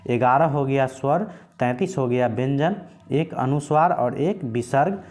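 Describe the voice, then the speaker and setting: A man teaching a grammar lesson patiently, asking questions and answering them himself, stretching single sounds out slowly as he names them. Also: mid-range voice, darkish tone. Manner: patient, repeats points, asks and answers his own questions.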